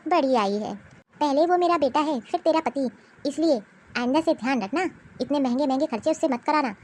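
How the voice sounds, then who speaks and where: A woman's voice: high-pitched, a little fast, darkish tone, a little hiss or hum, natural voice. A woman voicing a domineering older mother-in-law in a cartoon, with a harsh, taunting, commanding manner. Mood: scolding. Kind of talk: cartoon voice acting.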